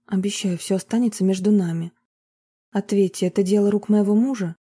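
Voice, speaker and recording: A woman's voice: mid-range voice, fairly even intonation, fairly quick, warm tone, slightly rough, close to an everyday voice. Marina, a woman playing a tense, controlled woman. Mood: cold, controlled. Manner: controlled, cold, holding back fury. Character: Marina, a tense adult woman fighting for a foster girl.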